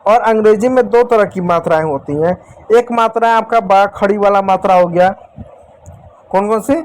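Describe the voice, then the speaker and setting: Guy teaching kids a language lesson, fairly high voice, says things over and over, drags out the letter sounds. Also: normal speed. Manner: repeats points, addresses children directly. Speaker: English teacher. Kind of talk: classroom-style lesson.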